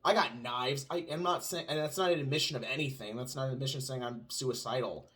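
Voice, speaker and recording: Chatting casually with his wife at home, this man rants with heavy sarcasm, posing mock questions and answering them himself. He co-hosts a podcast and has a strong Southern US twang. He talks fast, at medium pitch, with a slightly bright tone.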